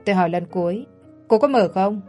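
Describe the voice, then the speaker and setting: A woman's voice: medium pitch, a little fast, dark tone, faint music behind, close to an everyday voice. A woman voicing a pushy, menacing young man in a spoken story, with a coaxing, threatening manner. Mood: angry.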